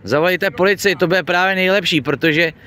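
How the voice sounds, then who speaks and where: A man's voice: high-pitched, bright, forceful tone. Indignant man arguing from a boat. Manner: indignant, argumentative, fast rebuttals. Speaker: fishing vlogger. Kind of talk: filming a confrontation on a boat. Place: on a boat outdoors. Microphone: phone camera held by speaker.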